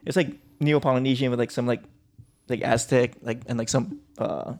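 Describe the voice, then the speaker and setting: A man with a light tinge chats on a podcast in a loose, rambling way. He swears casually and laughs often, acting out the lines of people in his stories. His voice sits at an ordinary middle pitch. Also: steady tone, normal speed. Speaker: podcast co-host. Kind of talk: casual chat.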